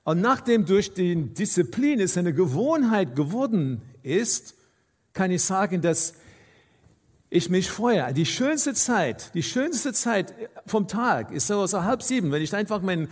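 A man preaching a sermon as pastor, speaking haltingly and often repeating and restarting words. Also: high-pitched, sing-song, slightly rough, long reverb tail. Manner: halting, repeats words, non-native German grammar. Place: church hall.

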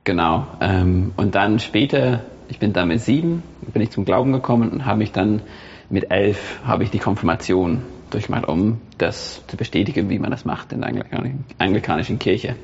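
A man's voice: fairly low pitch, expressive, moderate pace, creaky, a little mellow, highs cut off, a little hiss or hum. A man from England with an English accent, speaking German hesitantly with many fillers as a guest in a casual discussion.

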